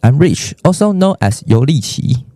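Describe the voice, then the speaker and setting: Brief: Taiwanese teen co-host, scripted, stumbling now and then, mellow dry voice. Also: male voice, a little high, big pitch swings, measured pace, no echo. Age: teens. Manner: reads from a script with small stumbles. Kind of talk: scripted school podcast hosting.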